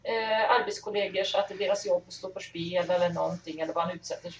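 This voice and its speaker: A woman co-hosting a casual podcast chat, blunt and opinionated. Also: fairly low pitch. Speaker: podcast co-host. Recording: distant, roomy, lo-fi sound with faint noise.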